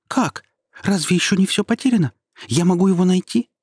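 A man's voice: sits high, brisk, breathy edge, dry recording, clean studio sound, pitched above the performer's own voice. A man voicing a tiny hopeful female star in a storybook reading, speaking earnestly and pleadingly. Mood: eager.

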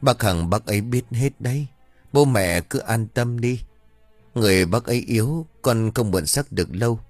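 A man's voice: medium pitch, normal speed, no echo, soft background music, pitched above the performer's own voice, natural voice. A man voicing a drowned boy's mournful ghost. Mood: sorrowful. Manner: mournful, gently admonishing. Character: drowned boy's ghost speaking through an old woman.

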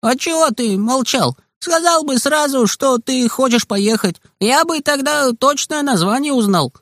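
A man's voice: very high-pitched, animated, a little slow, a bit bright, no echo, clean studio sound, voice pushed up, full character voice. A man voicing a cheerful, careless young boy in a storybook reading. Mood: defensive.

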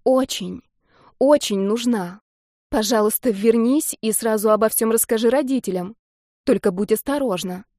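A woman's voice: on the high side, normal speed, mellow, dry recording, studio quality, close to an everyday voice. A woman reading an audiobook, voicing a wounded, frightened but determined young woman who speaks urgently and pleadingly. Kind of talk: audiobook character voice.

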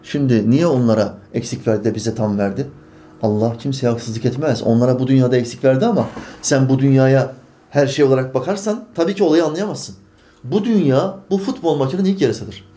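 A man's voice: medium pitch, brisk, warm tone. A man preaching a sermon, emphatic and full of rhetorical questions to his congregation.

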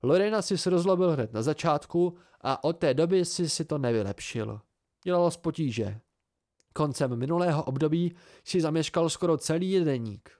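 A man's voice: fairly high pitch, animated, a little mellow, pitched above the performer's own voice. A man reading an amateur audiobook, voicing a dry-witted seasoned man who lectures his younger friends wryly. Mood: lecturing.

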